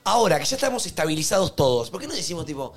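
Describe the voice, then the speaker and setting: A young Argentine man with a Rioplatense lilt, talking quickly in a slightly high voice. He jokes and laughs through a casual group chat on a podcast. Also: sing-song, soft background music. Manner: joking, chatty, laughs while talking. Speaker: podcast co-host.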